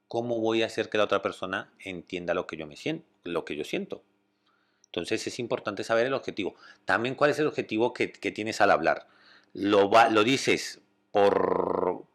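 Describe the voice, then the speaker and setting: A man with a Spanish accent, a psychologist calmly explaining communication and often checking that listeners follow. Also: on the low side. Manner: calm, explanatory, checks understanding with "¿vale?".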